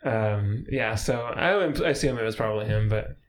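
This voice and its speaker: A man's voice: on the low side, moderate pace. A man hosting a casual podcast chat, laid-back and swearing casually, laughing often. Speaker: podcast host.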